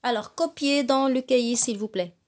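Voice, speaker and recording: A woman teaching a beginners' class, slow and patient, having pupils repeat words after her. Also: high voice. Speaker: French teacher. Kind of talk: classroom lesson.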